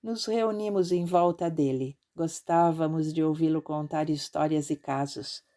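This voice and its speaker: A woman narrating an audiobook in a measured, expressive reading style. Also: sits low.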